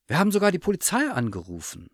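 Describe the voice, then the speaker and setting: A man voicing a fussy, caring middle-aged mother in a storybook reading, high and excitable. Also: moderate pace, gravelly, breathy edge, dry recording, studio quality. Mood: excited.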